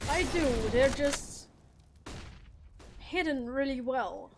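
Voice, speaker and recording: A woman's voice: high voice, slow, noisy background. A woman from the Netherlands with a Dutch accent, in her late twenties, doing casual play-by-play commentary on an esports match and chatting with viewers. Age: late 20s. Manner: chatty, teasing, answers chat questions between calls. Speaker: esports caster.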